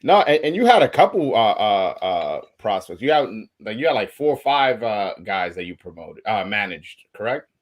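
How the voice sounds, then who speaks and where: A man's voice: on the low side, very animated, moderate pace, hardly any pauses. A man hosting a casual boxing interview livestream, talking loosely with frequent repeats and restarts.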